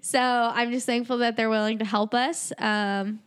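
A woman's voice: a little high, fairly even intonation, clean tone. A woman co-hosting a podcast in casual chat, bubbly and playful with a slightly nasal voice. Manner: bubbly, playful, quick to laugh. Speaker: podcast co-host.

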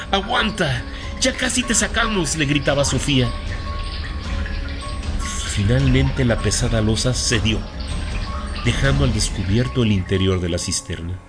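A man giving a measured, dramatic scripted narration of a horror story. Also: medium pitch.

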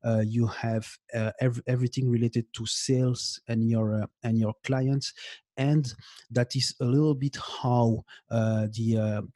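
A man's voice: medium pitch, steady tone, measured pace, warm tone, no room sound. Hesitant man from Belgium, dry sound. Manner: hesitant, many fillers and restarts. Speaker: guest expert, consultant. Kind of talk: interview answers.

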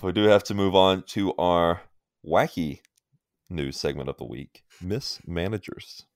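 A man's voice: deep voice, measured pace, clean tone, dry recording, clean studio sound. A man co-hosting a sports podcast in a casual, opinionated way, often laughing. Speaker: podcast co-host.

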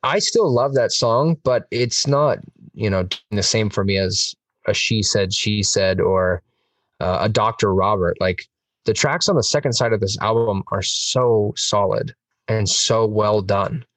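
A man's voice: lowish voice, unhurried, a bit bright, no room sound, recorded from a distance. A man chatting on a music podcast, enthusiastic and rambling, with lots of fillers. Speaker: podcast host. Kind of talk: casual music podcast chat.

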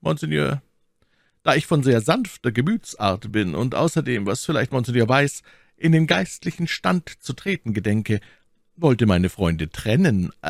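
A gentle, pious musketeer from an adventure story, voiced by a man reading aloud, mild and measured in his telling. The voice moves freely up and down, with a grainy texture, and sounds close and dry. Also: medium pitch, vocal fry, no echo, voice pushed up. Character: gentle would-be priest musketeer, mild and polite. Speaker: audiobook reader.

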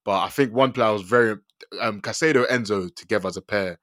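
A man's voice: fairly low pitch, fast talker, fairly bright tone, dry recording, clean studio sound. A young man with a London accent hosting a casual, slangy sports chat, often repeating and rephrasing himself. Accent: London, urban slang. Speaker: podcast host.

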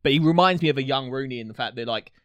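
A man's voice: mid-range voice, very fast, a bit bright, no echo. A man co-hosting a casual football podcast, laid-back and agreeable, swearing casually. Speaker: podcast co-host.

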